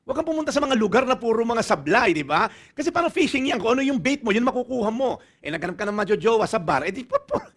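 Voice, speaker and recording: A middle-aged Filipino man preaching a sermon full of jokes, acting out little dialogues as he talks. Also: high voice. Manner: animated, joking, acts out little dialogues. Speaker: pastor. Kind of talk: humorous sermon.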